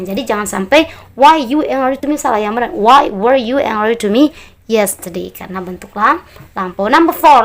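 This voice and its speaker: A woman with a slightly high voice leads an online grammar lesson. She explains each point step by step, often switching into English phrases as she goes. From Lombok, Indonesia. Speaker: English teacher.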